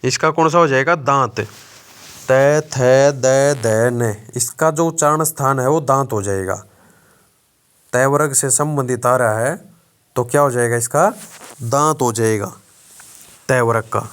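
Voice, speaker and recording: A young man teaching an exam-prep grammar lesson, slowly drilling letters one by one, asking questions and answering them himself, often calling his listeners brother. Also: mid-range voice, fairly bright tone. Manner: addresses listeners as brother (bhai).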